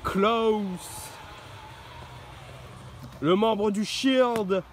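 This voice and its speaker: A man calling a wrestling match play-by-play, excitable and bursting into shouted exclamations. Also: sits high, drawn-out words, a little hiss or hum. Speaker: wrestling commentator.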